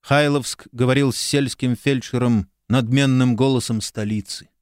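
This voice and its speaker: A man reads a literary novel aloud in a measured, expressive way, at a middle pitch. The recording is dry and close, with no room sound. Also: clear, resonant tone, no room sound. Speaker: audiobook narrator. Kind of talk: literary audiobook reading.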